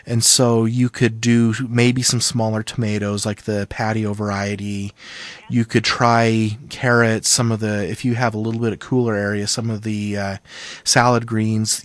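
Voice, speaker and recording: A man with a lowish voice, heard close and dry. He gives casual expert advice, as on a call-in show. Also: dry recording.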